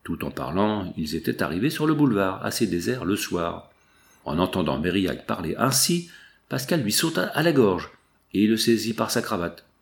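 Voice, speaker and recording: Low-voiced man narrating a novel. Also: very animated, normal speed, gravelly. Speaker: audiobook narrator. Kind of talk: scripted literary narration.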